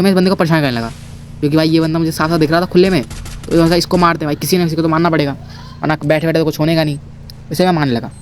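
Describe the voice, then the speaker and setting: Quick, chatty young-sounding male gamer. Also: on the high side, a little mellow, slight background noise. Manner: chatty, keeps addressing viewers as brother; playful, self-mocking. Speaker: gameplay commentator. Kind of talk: casual voice-over commentary on a shooter match.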